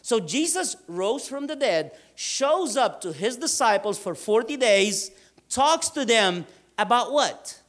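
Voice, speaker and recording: A man's voice: extremely high pitch, big pitch swings, fairly bright tone. Man preaching a sermon. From Egypt. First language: Arabic. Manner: earnest, emphatic with slow drawn-out stresses. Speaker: pastor.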